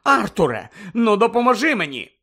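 A man voicing a worried, strict middle-aged mother who nearly shouts in her arguments. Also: expressive, a little slow, heavily acted. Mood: agitated. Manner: shrill, pleading, nearly shouting.

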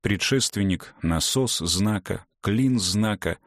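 Male audiobook narrator, lowish voice, measured dramatic delivery, dry studio sound. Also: dry recording. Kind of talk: scripted narration.

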